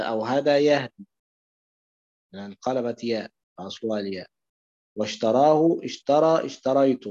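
A man's voice: medium pitch, darkish tone, no room sound, highs cut off. A man with an Egyptian Arabic accent explains a lesson, asking questions and answering them himself. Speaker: teacher.

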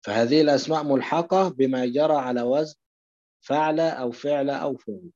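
An Egyptian man teaches with a warm, low-key tone, posing questions and then answering them himself. The recording is dull and lo-fi, with a dry, close sound. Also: fairly quick, no echo. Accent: Egyptian Arabic. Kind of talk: explaining a lesson.

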